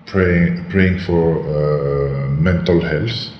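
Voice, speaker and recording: Man with a disguised, very deep slowed voice. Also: steady tone. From North Africa. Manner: halting, searching for words. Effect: voice disguised, pitched very deep and slowed. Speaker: church leader. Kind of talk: interview answers. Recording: dull, roomy audio with long reverb and faint noise.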